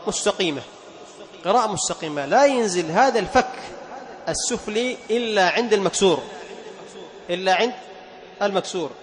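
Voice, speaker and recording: A man with a high-pitched voice teaches the rules of Quran recitation to a class. He explains patiently, restates each point and throws rhetorical questions to his listeners. His voice rings out with a long reverb, as in a large hall. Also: expressive, fairly quick, long pauses. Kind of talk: classroom lesson on tajweed.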